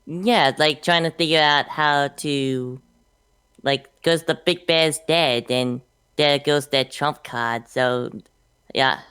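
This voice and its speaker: A woman chatting casually about an anime episode in a relaxed, easygoing way. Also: sits low, slow pace, smooth. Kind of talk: casual anime review chat.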